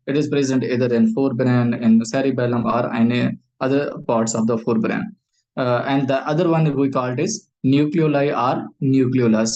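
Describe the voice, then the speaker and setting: The poor audio carries a Pakistani lecturer, a native Urdu speaker, explaining medicine in English. His voice is mid-range and slightly mellow, and he often stalls on fillers, repeats phrases, and answers his own questions.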